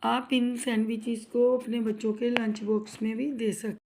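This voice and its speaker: Speaking at a moderate pace in a slightly high, mellow voice with little pitch movement, a woman hosts a home cooking vlog and talks viewers through frying snacks despite a sore throat. She's chatty and friendly, calls her audience "guys" and asks for subscribes. A faint hiss or hum sits under the recording.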